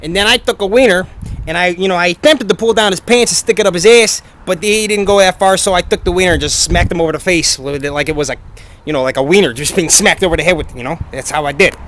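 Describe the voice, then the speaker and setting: A man talks quickly and in a flustered way, stumbling over and repeating his words. His voice sits high, with a faint hum underneath. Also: a bit bright. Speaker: comedy co-host. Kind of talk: improvised comic chat.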